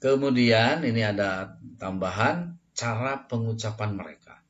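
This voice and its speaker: A man teaching an English lesson, explaining slowly and modelling phrases for listeners to repeat. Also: lowish voice, muffled recording. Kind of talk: language lesson.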